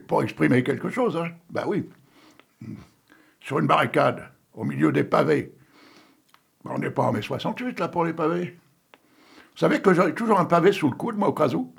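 A man in his sixties hosting a poetry session, chatting and joking between readings and reciting verse, with a gravelly, raspy voice. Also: a little high, fairly bright tone. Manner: chatty, joking, digressive, coughing now and then. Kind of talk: casual chat and poetry reading.

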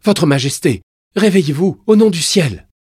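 A man's voice: fairly low pitch, expressive, normal speed, breathy edge, dry recording, studio quality. A man voicing a commanding, protective queen mother, urgent and resolute, in a storybook reading.

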